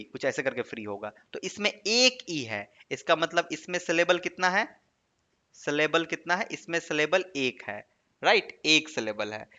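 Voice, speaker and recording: A man with a rather high, strained, bright voice leads an online exam-prep lesson, writing on the screen as he goes. He coaxes his students along, frequently checking in with questions like "right?" The recording sounds muffled.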